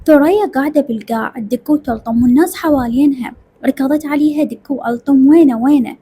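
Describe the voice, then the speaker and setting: A woman's voice: high voice, fast talker, mellow, slight background noise. A woman with an Iraqi accent narrating a dramatic story in the first person, emotional and tearful. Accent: Iraqi Arabic.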